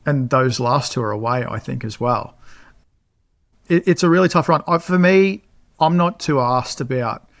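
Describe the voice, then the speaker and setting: A man co-hosts a football podcast, chatting casually in a relaxed, matter-of-fact way. His voice sits in the mid range with a slight brightness, and there's no echo.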